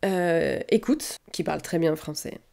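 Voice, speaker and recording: A woman's voice: on the low side, a little fast, a little mellow. A woman who works as a lingerie seamstress, casually telling stories from sewing workshops and talking straight to her listeners. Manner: addresses listeners directly and conversationally. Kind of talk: casual storytelling monologue.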